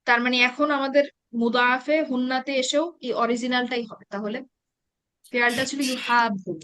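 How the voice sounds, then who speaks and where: A woman teaching an Arabic grammar class in an online meeting, reciting verb conjugations slowly and explaining in quick asides. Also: fairly high pitch, fairly even intonation, sharp tone, dry recording. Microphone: online meeting call.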